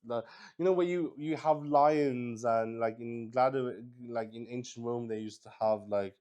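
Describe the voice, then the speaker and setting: Narrating casually as he improvises a solo roleplaying game, a man halts, repeats himself and swears mildly in his excitement. He has a medium pitch and a clean tone, though the highs are cut off.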